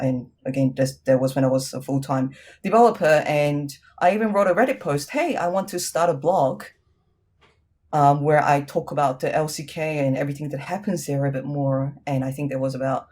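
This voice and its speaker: Appearing as the guest in a relaxed interview, a New Zealand woman speaks with lots of hesitant ums, her pitch rising in lively ways.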